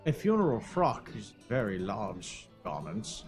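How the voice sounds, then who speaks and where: A man's voice: lowish voice, huge pitch swings, a little mellow. A man speaking formally in character during a tabletop game. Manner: measured and formal. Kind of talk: slow, formal in-character speech. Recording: music playing under the voice.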